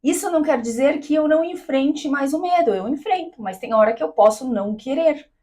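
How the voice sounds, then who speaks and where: A woman's voice: high-pitched, animated, brisk, mellow. A woman from Brazil giving an explanatory talk to camera as a coach, didactic, checking in with her listener often. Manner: didactic, checks in with "tá?" and "né?", acts out quoted voices. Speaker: business and mindset coach.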